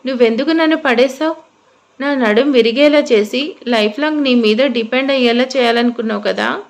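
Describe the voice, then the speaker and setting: Brief: irritated, scolding young wife, read by the narrator. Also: female voice, high voice, normal speed. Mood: annoyed. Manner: scolding, sarcastic.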